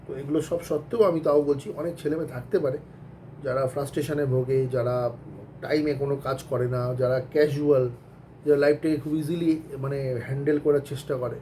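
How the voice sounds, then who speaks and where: Earnest Bengali-speaking man teaching, mellow voice. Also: a little high, steady tone, fast talker, a little hiss or hum. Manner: rambling, earnest advice with many restarts and English phrases. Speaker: accounts and taxation teacher. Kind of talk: casual spoken lesson to students.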